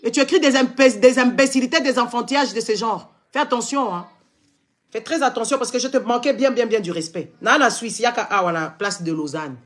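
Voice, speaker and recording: A man from the DRC, with a Congolese French accent, rants furiously on a live stream. He talks a little fast in an extremely high, slightly bright voice, switching between French and Lingala mid-sentence and repeating confrontational, scolding exclamations.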